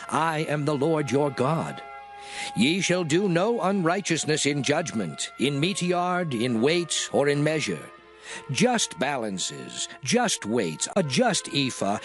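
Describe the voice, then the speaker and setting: A man whose voice sits on the high side takes the role of God, a solemn giver of laws, in a dramatized reading of scripture. He declaims in a measured way.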